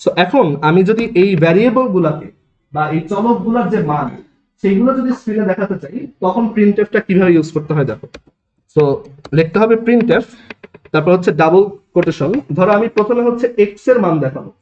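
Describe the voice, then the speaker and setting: Bengali guy with a bangladeshi accent teaching coding to a class, high voice, roomy echo, kinda muffled lo-fi sound. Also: animated, brisk, slight background noise. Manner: explains step by step, asks the class checking questions. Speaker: programming teacher. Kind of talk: classroom lecture. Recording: echoey classroom, dull lo-fi sound.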